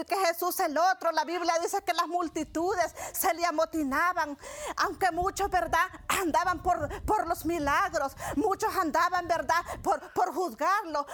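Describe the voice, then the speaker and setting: A woman's voice: very high-pitched, fairly bright tone. A woman preaching a sermon, addressing the congregation as brothers and often repeating phrases with tag questions. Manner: frequent "¿verdad?" and "hermanos" fillers, repeating phrases.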